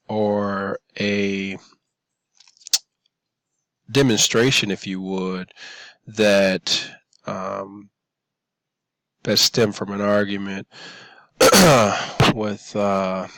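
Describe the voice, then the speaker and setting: A man, a student, talking over his own screen recording at a computer microphone, halting, with many ums and restarts. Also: sits low, fairly bright tone, no room sound. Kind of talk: narrating a screencast demo.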